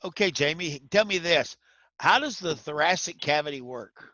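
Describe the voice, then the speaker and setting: Male instructor, folksy, quizzes students, tense bright voice, dry and dull audio. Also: on the high side, animated, moderate pace, dry recording. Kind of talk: online class teaching.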